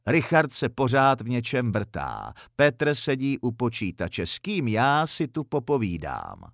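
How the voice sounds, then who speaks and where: A man voicing a sharp-tongued, lonely middle-aged mother in a storybook reading. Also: medium pitch, huge pitch swings, gravelly, no room sound, studio quality.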